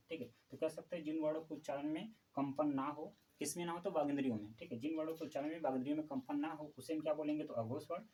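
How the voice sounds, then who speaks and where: A man teaching a Hindi grammar lesson for exam preparation, asking questions and answering them himself and repeating key terms slowly. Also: a little high, dark tone, slight background noise, low-quality recording.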